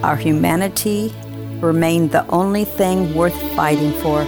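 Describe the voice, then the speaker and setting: A woman acting as a grave, solemn narrator of a fallen world, delivering scripted dramatic narration. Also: on the low side. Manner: solemn, measured. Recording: loud new-age music behind.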